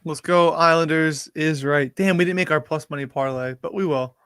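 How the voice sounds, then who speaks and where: A man's voice: on the high side, normal speed, clean tone, dry recording, studio quality. Easygoing man signing off a betting show. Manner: relaxed, laughing, sign-off banter. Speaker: sports betting podcast co-host. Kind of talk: casual chat.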